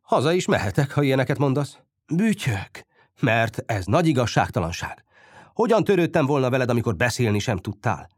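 A man's voice: medium pitch, big pitch swings, dry recording, clean studio sound, pitched above the performer's own voice. A man voicing Bütyök, an earnest lovesick teenage boy. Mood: earnest, hurt.

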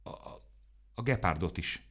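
A man voicing a shy, gentle blue horse who speaks softly and apologetically in a storybook reading. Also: sits low, lively intonation. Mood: bashful. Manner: soft, apologetic, hesitant.

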